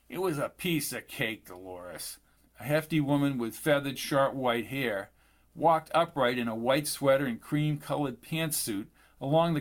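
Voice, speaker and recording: A man narrating a novel for an audiobook with a measured, deliberate reading. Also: medium pitch.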